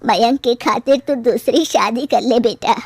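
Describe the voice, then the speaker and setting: Lady doing a tired old mom, soft consoling voice, cartoon, dry mic. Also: a little high, a little slow, slightly rough, no echo. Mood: resigned. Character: older mother, weary and resigned. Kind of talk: storybook cartoon voice acting.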